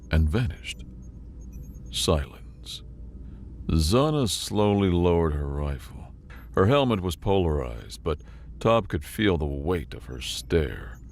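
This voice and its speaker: A man narrating a sci-fi story in an expressive, dramatic audiobook style. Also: very deep voice.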